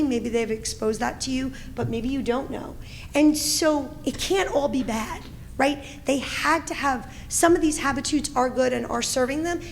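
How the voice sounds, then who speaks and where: Loud Brooklyn woman presenting. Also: high voice, slight background noise. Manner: loud, animated, quick talker. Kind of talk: conference presentation and Q&A.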